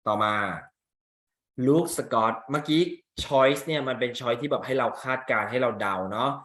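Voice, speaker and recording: A man's voice: medium pitch, moderate pace, fairly bright tone. A man teaching English in Thai, talking through an exam reading and putting questions to his students, with a Thai accent on English words. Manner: chatty, asks students rhetorical questions. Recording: echoey room.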